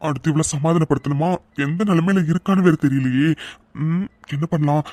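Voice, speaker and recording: A man's voice: a little high, fairly quick, a little mellow, no echo, close to an everyday voice. A man voicing a nervous young husband muttering to himself in a cartoon. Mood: panicky. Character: nervous young husband fearing his angry wife. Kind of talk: cartoon voice acting.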